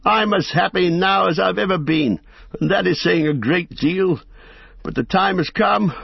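A man voicing an elderly, fussy and excitable male hobbit in a high, fluttery voice with eager, breathless phrasing. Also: measured pace, vocal fry, slightly rough, no echo, exaggerated voice. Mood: elated. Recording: dry, slightly dull recording.

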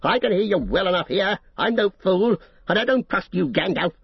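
A man voicing a proud, scornful old male wizard whose voice is shrill and cold, mocking as he speaks. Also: expressive, normal speed, breathy edge, no room sound, highs cut off, heavily acted. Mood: sneering. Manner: mocking, sneering. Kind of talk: audiobook character reading.

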